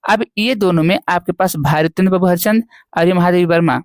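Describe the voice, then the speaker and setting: A man's voice: sits high, a little fast, no echo, studio quality. A male Hindi teacher giving an exam-prep lecture, explaining memory tricks with lots of repetition and quiz questions.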